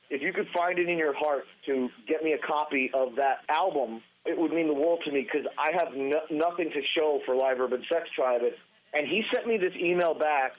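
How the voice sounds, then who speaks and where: A man in his forties or older, a podcast guest telling a long story in a lively, rambling way. His sentences often stop and restart. His voice sits a little high and comes through a thin, phone-like line. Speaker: podcast guest, former band guitarist. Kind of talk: casual storytelling interview. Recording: tinny phone-line sound.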